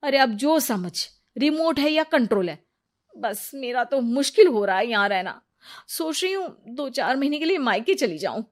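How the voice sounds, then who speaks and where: A woman's voice: high voice, very animated, normal speed. A woman voicing a fed-up young wife in a cartoon story, complaining theatrically about her husband. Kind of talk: cartoon voice acting.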